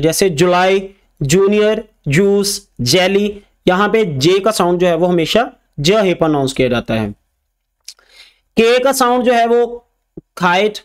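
A man teaching English letter sounds, speaking slowly and repeating each example word. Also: high voice. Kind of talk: spoken English lesson.

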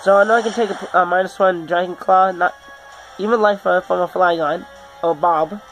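A man who is sick, hosting his gaming channel and giving halting, self-correcting video game commentary over faint background music. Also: sits high, steady tone, a bit bright, rough recording. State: sick, under the weather.

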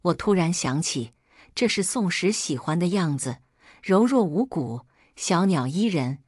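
Low-voiced woman narrating a drama. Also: animated, a little slow, darkish tone, breathy edge, dry recording, studio quality. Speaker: storyteller. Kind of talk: first-person drama narration.

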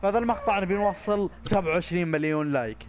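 A young man hosting a game video with friends. He is excitable and bursts into shouts and laughter as he gives the others orders. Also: high-pitched, racing, slight background noise. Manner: excitable, shouts and laughs while bossing his friends around. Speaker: gaming YouTuber host. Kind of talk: Minecraft let's-play commentary with friends.

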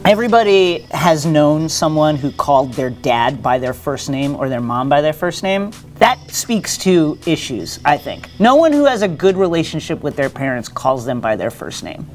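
A man's voice: on the high side, moderate pace, few pauses, soft background music. Sarcastic jokey male sports host. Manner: sarcastic, jokey, swings between deadpan and excited. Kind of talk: comedic sports commentary.

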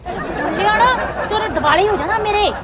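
A woman playing an overworked old mother-in-law who sighs, complains and keeps hushing others. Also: very high-pitched, moderate pace, a crowd in the background, noisy background. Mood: grumbling. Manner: sighing, complaining, hushes others.

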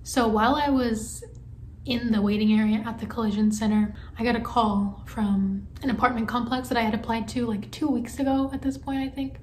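A young woman in her twenties with a slightly high voice chats candidly into a phone held at arm's length, sounding a little nervous. She is inside a parked car, with a faint hiss of background noise. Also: steady tone, brisk. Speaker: vlogger. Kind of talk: casual vlog talk to camera. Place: inside a parked car, then an indoor room. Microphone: phone camera at arm's length.

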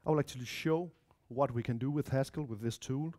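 Brisk and warm at medium pitch, a software developer in his thirties gives a casual technical talk with a Danish accent in an indoor lecture room. He speaks chattily and tosses in asides to the audience. His family is mixed Spanish-Danish, and he is from Denmark or Spain.

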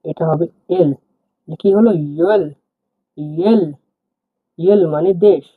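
Man, high-pitched, husky, language teacher, repeats each word slowly, dry close sound. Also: no echo. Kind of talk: step-by-step alphabet lesson. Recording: tinny phone-like, husky and dry.

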